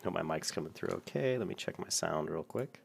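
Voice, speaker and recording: A man's voice: deep voice, animated, a little fast, gravelly, slight background noise. A man hosting his gaming channel, talking through his gameplay in a chatty, rambling way from a desk mic at home. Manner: chatty, rambling, self-correcting. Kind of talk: casual gameplay commentary. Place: home room at a large desk.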